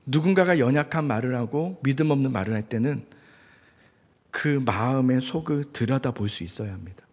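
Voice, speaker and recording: A male pastor preaching a sermon in an animated way, acting out quoted speech. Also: mid-range voice, fairly quick. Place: church sanctuary. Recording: church hall reverb.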